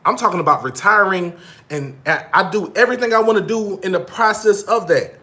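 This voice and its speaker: A man's voice: sits high, a little fast, bright, forceful tone. A man in his thirties talking casually to his viewers, blunt and profane, heavy on slang and repeating points for emphasis. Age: 30s. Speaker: vlog host. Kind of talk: casual monologue to live viewers.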